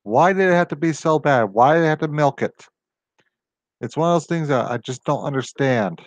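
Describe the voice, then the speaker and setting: On his own channel, a video host whose first language isn't Japanese rambles through tangents in casual solo commentary, griping with exasperation. His voice runs a little high with lively intonation at a normal speed, and there's no echo.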